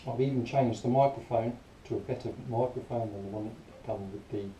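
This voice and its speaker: In a small indoor room, a man with a warm, mid-range voice gives a casual, blunt and irritated product review to camera, speaking a little fast with fairly even intonation. The camera mic sits some distance off, so the sound is roomy with faint noise.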